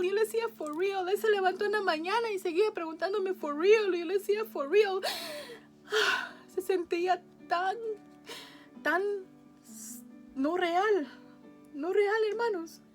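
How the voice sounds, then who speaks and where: A woman, giving an emotional church testimony, tearful and laughing as she speaks to the congregation. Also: high-pitched. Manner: tearful, laughs often, addresses audience as brothers.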